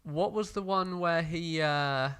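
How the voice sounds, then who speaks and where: A man's voice: a little high, slow pace, fairly bright tone, clear, resonant tone. A man co-hosting a film podcast, chatting casually and rambling with lots of fillers. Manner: rambling, hesitant, full of fillers. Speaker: podcast co-host. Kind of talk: casual chat.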